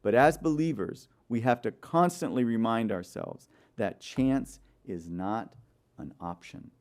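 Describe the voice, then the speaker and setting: A man with a medium-pitched, animated, unhurried voice and a darkish tone delivers a sermon-style Bible study lecture. He tells stories, poses rhetorical questions to his listeners, and often checks in with them by asking "okay?"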